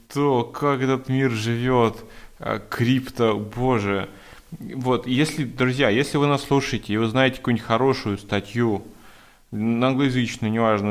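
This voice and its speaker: Joking man in his thirties. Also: mid-range voice. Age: 30s. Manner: self-mocking, jokey, trailing off quietly. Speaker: podcast co-host. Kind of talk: casual podcast chat.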